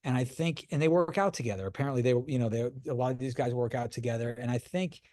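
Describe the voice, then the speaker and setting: A man hosts a casual podcast chat at a middle pitch. He talks with keen enthusiasm, filling gaps with easy asides. The recording is dry and close. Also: fast, mellow, no room sound. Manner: enthusiastic, conversational, many you-knows. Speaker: podcast host and magazine editor.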